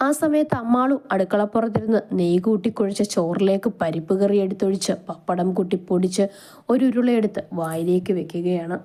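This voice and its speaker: A woman reading a romance story aloud, lifting her pitch a little for each character. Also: animated, fairly quick, dark tone.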